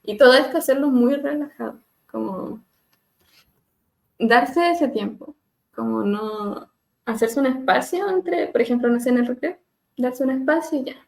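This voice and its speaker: A woman speech therapist leading a webinar on voice care, gently demonstrating hums and glides over a video call and laughing at herself now and then. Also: high voice, expressive, a little slow, gravelly. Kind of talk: live webinar lesson on vocal exercises.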